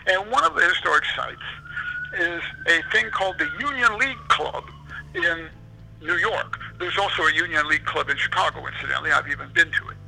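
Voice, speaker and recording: A man's voice: fairly high pitch, brisk, creaky, pushed and bright, slight background noise, rough recording. A man, an author and historian, answering interview questions in a rambling, digressive way.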